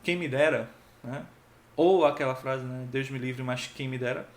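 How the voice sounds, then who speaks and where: A male teacher giving a grammar lesson, acting out each example with expressive tones. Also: medium pitch, moderate pace. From Pernambuco, Brazil. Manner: lively, acts out each interjection with expressive tone. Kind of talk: exam-prep grammar lesson. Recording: echoey room.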